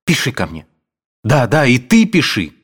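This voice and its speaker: A man's voice: medium pitch, wildly swooping pitch, normal speed, slightly rough. Man doing an earnest young friend.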